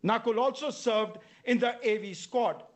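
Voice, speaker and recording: A man with an Indian accent reading formal scripted introductions as master of ceremonies at a debate, in a measured way. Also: very high-pitched.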